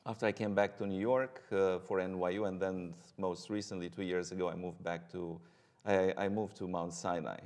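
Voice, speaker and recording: A man's voice: deep voice, little pitch movement, moderate pace, darkish tone. A middle-aged man from Romania, speaking with a Romanian accent, a guest physician explaining his work with frequent ums and uhs. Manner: hesitant, many ums and uhs.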